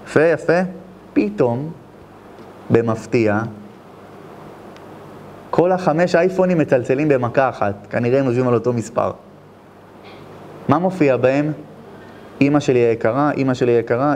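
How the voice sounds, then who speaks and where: A man, a rabbi, giving a sermon full of storytelling, shifting between hushed narration and loud exclamations. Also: medium pitch, slight background noise. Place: lecture at an event.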